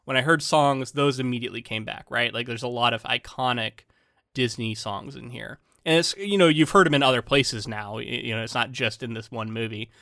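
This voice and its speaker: Sounding a bit congested, a male podcast co-host rambles animatedly, with many ums and false starts, in a casual chat. His medium-pitched voice moves briskly, captured in a dry, clean studio recording.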